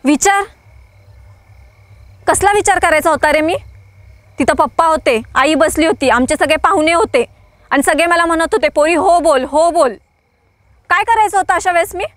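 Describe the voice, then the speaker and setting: A woman's voice: very high voice, normal speed, long pauses, dry recording. An actress playing Sheetal, a young woman who pleads and defends herself to her partner.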